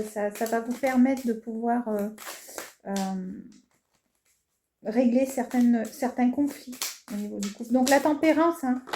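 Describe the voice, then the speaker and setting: In an echoey room with faint noise, a woman with a warm, slightly high voice offers a casual horoscope tarot reading. As a tarot reader, she comes across as reassuring yet hesitant, filling her speech with frequent fillers.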